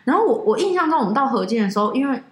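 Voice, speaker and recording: A woman's voice: sits high, very fast. A woman, co-hosting a casual chat and telling a story animatedly. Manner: animated storyteller, acts out quoted dialogue. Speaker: podcast co-host. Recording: echoey room.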